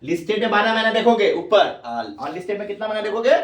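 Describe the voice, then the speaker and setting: A man's voice: high voice, fast talker. Echoey man teaching a class. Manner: repeats questions to students, calls them "babu". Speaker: tax teacher. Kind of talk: classroom lecture. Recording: echoey room, far from mic.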